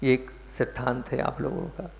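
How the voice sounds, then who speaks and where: A man's voice: mid-range voice, normal speed, vocal fry. A man, a monk, giving a sermon, questioning his listeners and stressing key words for emphasis. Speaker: Jain monk preacher. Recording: dull echoey hall recording.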